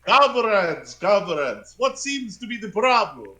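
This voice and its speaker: Man as rousing revolutionary agitator, earnest, pleading, high bright voice, tabletop role-play. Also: very animated, slow, full character voice. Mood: concerned, rousing. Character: earnest male revolutionary agitator appealing to comrades.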